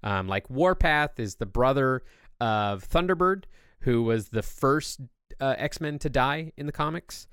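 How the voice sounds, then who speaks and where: A man's voice: medium pitch, expressive, a little slow, a bit bright, smooth, no room sound, studio quality. A man hosting a podcast, explaining things at length in a casual, enthusiastic way. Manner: long-winded enthusiastic explaining. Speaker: podcast host. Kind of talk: casual chat.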